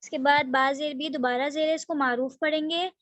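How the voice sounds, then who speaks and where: A female student slowly explaining recitation rules letter by letter in an online class. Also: sits high, steady tone, a bit bright, dry recording. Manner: slow, methodical, letter-by-letter. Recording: dry, dull lo-fi online call audio.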